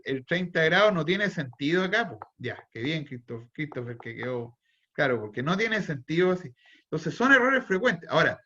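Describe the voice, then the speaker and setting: A man with a Chilean accent lecturing on calculus in an online class. His voice sits a little high, and he restarts phrases as he works through examples and quizzes the students. The audio is dull and lo-fi. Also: bright, forceful tone. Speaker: university math lecturer.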